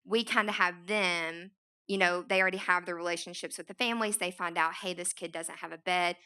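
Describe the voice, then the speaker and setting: A woman speaks with an East Tennessee Appalachian Southern drawl in a forceful, bright voice. Her tone is clean and resonant. She talks to her audience informally and chattily, poking fun at herself along the way. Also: fairly low pitch, steady tone, brisk, clear, resonant tone. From East Tennessee, United States. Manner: chatty and self-deprecating, often saying "like". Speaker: nonprofit founder speaking to an audience. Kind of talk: informal, conversational public talk.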